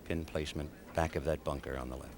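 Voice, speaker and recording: A man commentating on a golf tournament in measured, dramatic, short phrases on an older television broadcast. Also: very deep voice, fairly even intonation. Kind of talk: live golf tournament commentary, scene-setting. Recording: 1970s TV broadcast, light background noise.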